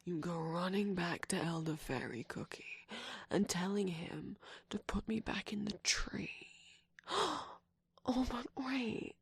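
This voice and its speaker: Shadow Milk Cookie: a woman voicing a breathy, mocking trickster. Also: medium pitch, slow, no echo, clean studio sound, full character voice. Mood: taunting. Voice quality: breathy whisper. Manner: taunting, sly, laughs often. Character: scheming male cookie trickster, mocking, manipulative. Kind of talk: ASMR roleplay.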